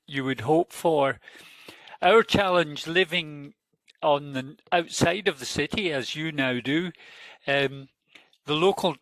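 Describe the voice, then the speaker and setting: Measured, higher-pitched man in dry sound. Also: fairly bright tone, no echo, poor audio. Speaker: homestay host giving a testimonial. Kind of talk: informal testimonial at a meeting.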